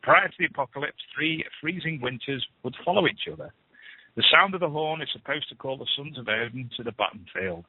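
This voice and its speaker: A man's voice: mid-range voice, fairly quick, husky, no echo. A man hosting a radio show, reading paranormal news with chatty, scoffing asides. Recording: phone-like lo-fi radio, dry.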